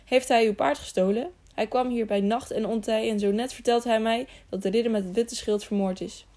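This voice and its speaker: A woman's voice: fairly high pitch, steady tone, brisk, a little mellow, natural voice. A woman reading a bewildered innkeeper. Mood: puzzled. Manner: bewildered, questioning. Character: puzzled middle-aged male innkeeper. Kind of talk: audiobook character reading.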